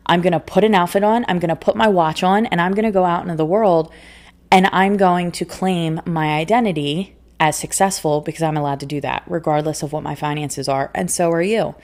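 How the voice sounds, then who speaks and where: A woman who is a podcast host and life coach delivers a solo motivational, spiritual self-help talk, earnest and emphatic, often laughing and repeating phrases for emphasis. Her voice is on the low side and a little mellow, with a steady tone and a fairly quick pace.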